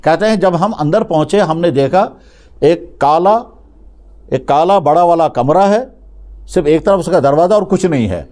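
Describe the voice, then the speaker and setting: High pitched guy preaching, telling a story and acting out the dialogue. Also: animated, warm tone. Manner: speaks with conversational restarts. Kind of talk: storytelling sermon.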